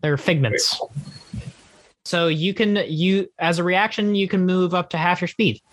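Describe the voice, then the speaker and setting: A game master running a tabletop game in a relaxed, halting way, with plenty of fillers. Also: mid-range voice, no echo. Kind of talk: casual tabletop game chat.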